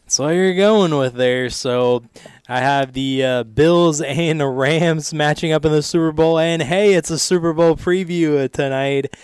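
A man hosting sports radio, talking casually with somewhat halting phrasing. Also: a little high, a little mellow, smooth, no room sound.

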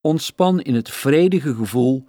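Male meditation guide: very unhurried, calm, soothing scripted delivery in a dry recording. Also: mid-range voice, no room sound.

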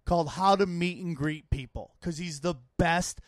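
A man talking as a comedian guest on a casual podcast, swearing a lot and speaking in excited, emphatic bursts. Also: on the high side, moderate pace, dry recording, clean studio sound. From Armenian and Italian heritage. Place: home studio man cave.

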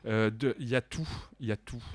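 A man giving a deadpan mock review of a dictionary, rambling with many restarts and fillers. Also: medium pitch, fairly quick, a crowd in the background.

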